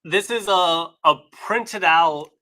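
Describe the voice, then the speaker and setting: A man appearing as a guest on a casual livestream, excitable and quick to laugh. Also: high voice. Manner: excitable, quick to laugh, lots of short backchannel replies. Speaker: stream guest.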